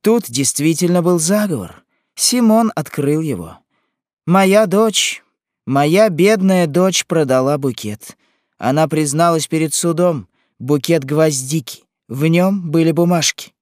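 A man's voice: a little high, animated, takes it slowly, breathy edge, no room sound, studio quality, heavily acted. A man reading an audiobook, voicing a frantic grieving old mother who shrieks and accuses. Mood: furious. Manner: shrieking, accusing, sobbing outbursts. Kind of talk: audiobook character voice.

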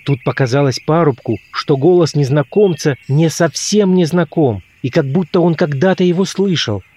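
A man reading a literary story aloud in a measured, expressive narration. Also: fairly high pitch, slightly rough. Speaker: audiobook reader.

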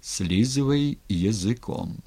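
Man doing a quietly menacing Cossack chieftain. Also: lowish voice, lively intonation, slow, full character voice. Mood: cold menace. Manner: quiet, hoarse commands. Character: grim male Cossack chieftain, cold and wrathful.

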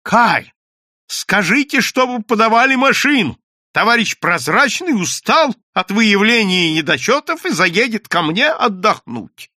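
A man voicing a brash, scheming male accountant who shouts and orders people around. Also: high voice, wildly swooping pitch, normal speed, breathy edge, dry recording, studio quality, pitched above the performer's own voice, exaggerated voice. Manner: loud, shouting, commanding.

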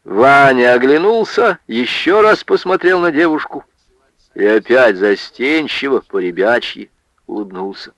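A man narrating a literary story for radio in a measured, expressive way. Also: mid-range voice, dry recording, rough recording.

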